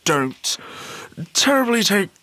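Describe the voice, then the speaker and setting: A man plays a tabletop game and calmly states what his character does. His pitch rises and falls in a lively way as he talks. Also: takes it slowly, no echo. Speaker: player. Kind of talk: tabletop role-play.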